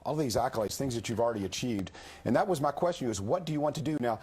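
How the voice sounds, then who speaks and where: A man's voice: medium pitch, rapid-fire, darkish tone, husky. A man with an American accent hosting a chatty interview, often repeating words and rephrasing his questions as he goes. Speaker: local TV interviewer. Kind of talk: conversational interview.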